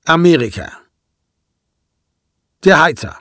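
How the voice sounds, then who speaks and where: A man narrating a literary audiobook in a measured, even storytelling manner. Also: a little high, dry recording, clean studio sound.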